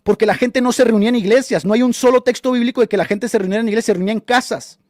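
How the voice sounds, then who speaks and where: Fast, high-voiced scornful male radio host. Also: a little mellow, no echo, clean studio sound. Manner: mocking and scornful, insults opponents; argumentative, lecturing with rhetorical questions. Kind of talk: combative live commentary answering a chat.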